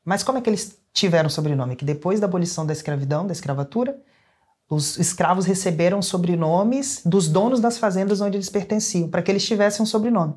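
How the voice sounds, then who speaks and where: This interview guest is a young adult with a Brazilian Portuguese accent who talks fast in a high, slightly rough, a little mellow voice. He earnestly recounts something personal in casual conversation.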